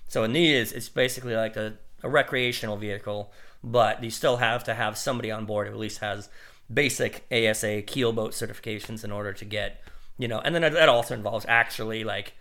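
A man hosting a casual podcast, explaining his sailing-instruction job in a relaxed, rambling way, laughing often. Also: lowish voice, brisk. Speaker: podcast host. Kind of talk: casual chat.

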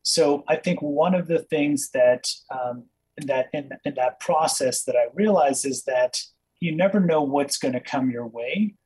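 A man's voice: on the high side, measured pace, a little mellow, slightly rough, rough recording. A man who grew up in Kenya, a dentist speaking as an interview guest over a video call, earnest and reflective with many fillers. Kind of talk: casual interview.

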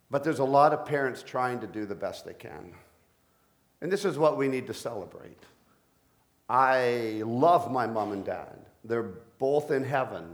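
This is a sermon from a middle-aged pastor whose deep voice carries playful jokes aimed at the congregation.

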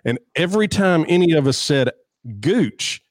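A man chats on a podcast in a slow, unhurried drawl. He tells his story in an easygoing way, and the sound is dry and close. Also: mid-range voice, animated, dry recording. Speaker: podcast co-host. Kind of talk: casual chat.

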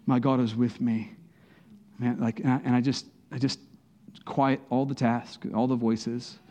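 A man preaching a sermon as pastor, talking conversationally, rising in bursts of emphasis and dropping to a soft near-whisper in prayerful moments. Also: mid-range voice, lo-fi sound.

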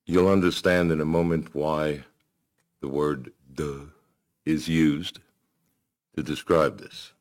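A man delivers a sermon in a deep, low voice. He speaks in measured, emphatic phrases and pauses between his points. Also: fairly even intonation. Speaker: pastor.

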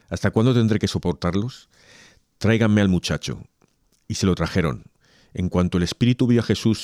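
A man's voice: sits low, a little mellow, no echo, clean studio sound. A man who reads a Gospel passage aloud and then chats casually about faith, hesitating and restarting as he talks. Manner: hesitant, restarts and laughs while chatting. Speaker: reader and co-host. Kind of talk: Gospel reading and casual religious chat.

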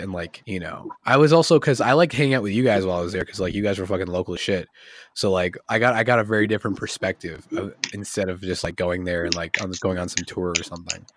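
A man's voice: deep voice, slight background noise. A man from Massachusetts chatting casually on a podcast in loose, profane slang. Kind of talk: casual chat.

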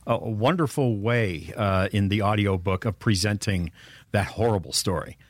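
A man hosting an interview, asking measured questions. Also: lowish voice, no room sound. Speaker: interview host.

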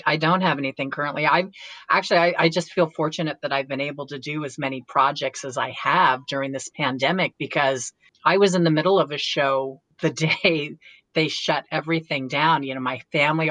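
A woman's voice: sits low, fairly bright tone, dry recording, poor audio. A woman actor chatting casually as an interview guest, laughing often and restarting her sentences. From United States.

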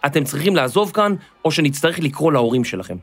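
A man voicing a gentle but firm policewoman in a children's storybook. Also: a little high, lively intonation, soft background music, close to an everyday voice. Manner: gentle and apologetic yet firm.

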